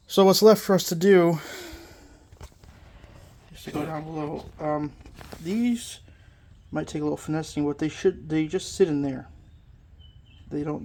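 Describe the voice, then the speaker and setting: With a mellow, medium-pitched voice and vocal fry, a repair channel host casually walks through repairing a mower engine in a workshop. They're stuffed up from a lingering cold and ramble as they go, full of fillers and self-corrections.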